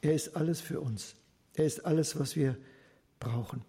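Husky preacher in a reverberant church. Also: male voice, fairly high pitch, mellow. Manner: earnest, measured preaching with repeated phrases and occasional fillers. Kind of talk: sermon.

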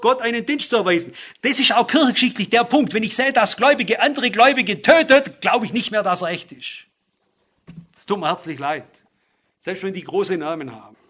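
Male preacher, earnest and emphatic, high voice. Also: a bit bright, slightly rough. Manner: earnest, emphatic, addresses listeners directly. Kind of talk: sermon.

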